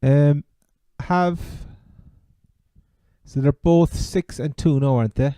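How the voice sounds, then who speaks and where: A man's voice: a little high, slow, warm tone, clean tone, no echo, clean studio sound. A man with an Irish accent from Cork, co-hosting a casual chat about sport. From Ireland. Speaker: sports podcast co-host.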